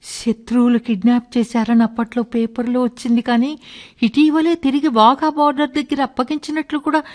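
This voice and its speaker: A woman plays a young doctor who is devoted to her patient, in a radio drama. Her voice sits fairly high and she talks in an emotional, pleading way. Soft music runs beneath her. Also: close to an everyday voice. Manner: emotional, pleading inner monologue. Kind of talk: radio play acting. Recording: music behind.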